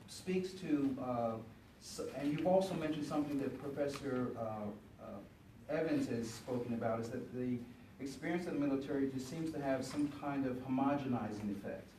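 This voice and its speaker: Male moderator, halting delivery, distant mic in a reverberant room. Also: medium pitch, mellow, a little hiss or hum. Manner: hesitant, with many fillers. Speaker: panel moderator. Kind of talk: moderating a panel.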